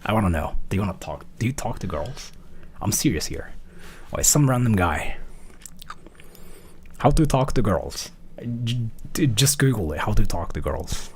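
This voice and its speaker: A live streamer reacting to a video chats casually as he comments, rambling, halting and often repeating phrases. His voice is on the low side and sing-song, with a little hiss or hum in the audio.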